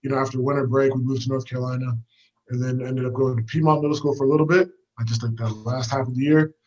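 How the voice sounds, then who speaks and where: A young man from the United States, a fighter guest, walks outside and rambles casually through his history, using many fillers. He has a mid-range voice that is flat, quick and a little mellow. The interview is captured in lo-fi sound.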